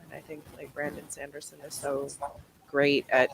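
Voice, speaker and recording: A woman's voice: sits low, flat delivery, normal speed. A woman talking informally and conversationally in a casual livestream chat. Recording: clearly noisy livestream audio.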